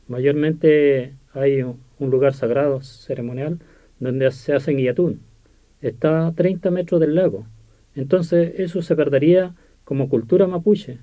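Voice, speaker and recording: A man, a community representative, answering in a radio interview, earnest and repeating himself. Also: a little high. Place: small radio studio. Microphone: studio table mic. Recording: dull lo-fi sound.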